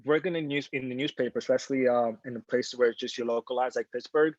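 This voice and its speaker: A man in his forties who was born in the Dominican Republic and grew up in New York, a photojournalist telling his career story in a relaxed, candid way with many fillers and restarts. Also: medium pitch, no echo. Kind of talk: casual talk at a panel. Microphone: video call. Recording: dull lo-fi sound, dry.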